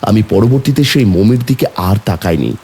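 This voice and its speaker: In a lowish, slightly mellow voice with a breathy edge, a man recounts an eerie burial as a somber young man in a first-person horror story. He's expressive and keeps a normal pace, and the feel is brooding, eerie, and suspenseful.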